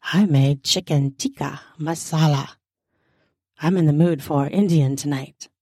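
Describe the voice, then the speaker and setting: Woman reading a husky seductive wife for an erotic story, soft purr, dark and dry. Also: low voice, unhurried, no echo, pitched below the performer's own voice, heavily acted. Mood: sultry. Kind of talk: read-aloud erotica.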